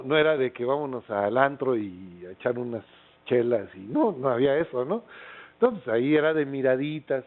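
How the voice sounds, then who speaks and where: A middle-aged Mexican man with a Mexican accent giving a lecture as a casual storyteller, with lots of fillers and tag questions. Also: medium pitch. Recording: tinny phone-like lecture recording.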